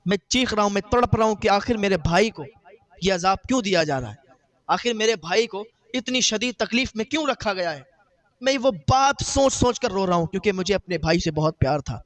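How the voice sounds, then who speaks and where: High-voiced man preaching a story. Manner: dramatic, quoting characters in rising emotional bursts. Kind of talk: sermon storytelling.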